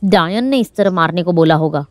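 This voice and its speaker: A woman's voice: fairly low pitch, a little fast, no room sound, studio quality, close to an everyday voice. A woman dubbing an aggrieved, suspicious wife in a film, complaining and pleading. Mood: scolding. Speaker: dub actress. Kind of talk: film dub acting.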